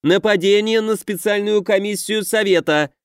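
A man doing a petty bureaucrat's voice, pitched high and thin, forever screeching and indignant. He barks orders like a hysterical bully, in a dry, close audiobook sound. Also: sing-song, unhurried, dry recording. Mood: shrieking outrage. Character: shrill pompous male official, hysterical bully. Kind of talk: audiobook character voice.

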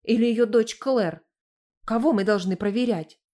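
A woman's voice: medium pitch, fairly even intonation, normal speed, dark tone, lightly acted. Stern, insistent diplomat, raised voice, clipped demands, as a woman narrator voices him. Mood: incredulous. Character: stern French diplomat, brisk, forceful man.

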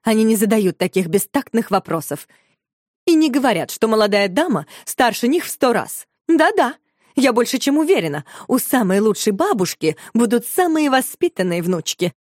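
A woman's voice: fairly high pitch, sing-song, moderate pace, darkish tone, dry recording, studio quality, pitched above the performer's own voice. A woman voicing a prim, haughty grown lady who speaks with stiff formality.

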